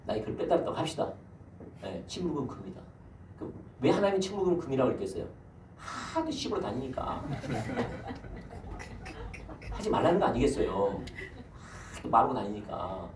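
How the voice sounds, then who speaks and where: In a church sanctuary, a senior pastor gives a Sunday sermon, putting rhetorical questions to his congregation in a mid-range, sing-song voice. He speaks briskly with long pauses, and the distant mic captures an echoey hall and background noise.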